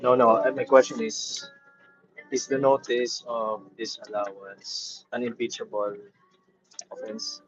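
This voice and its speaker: A man's voice: mid-range voice, animated, a little slow. Give me a man on glitchy, warbling call audio. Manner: hesitant, restarting his question. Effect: glitchy, warbling online call audio. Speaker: caller asking a question. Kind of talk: casual call-in question. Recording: dull lo-fi call line with faint music.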